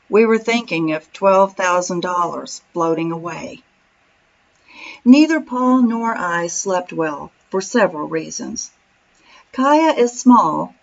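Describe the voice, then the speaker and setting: Woman narrating a boat diary, slightly dull sound. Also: medium pitch. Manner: storytelling, reading from a script. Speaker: vlog narrator. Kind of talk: scripted voice-over narration.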